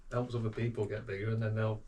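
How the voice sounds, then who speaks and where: A man's voice: on the low side, little pitch movement, fast, dark tone. Chatty man hosting a podcast. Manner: chatty and loose, lots of fillers and restarts. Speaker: podcast host. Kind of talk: casual chat. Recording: noisy podcast recording.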